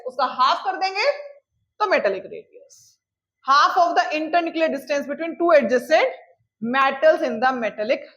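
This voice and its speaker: A high-pitched woman delivers a chemistry lecture, slowing down to dictate definitions and checking in with her students again and again. The recording sounds a little dull and lo-fi. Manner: checks in often with "clear?", calls students "beta"; mixes English phrases into explanations, dictates definitions slowly. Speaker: chemistry teacher. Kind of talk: classroom lecture.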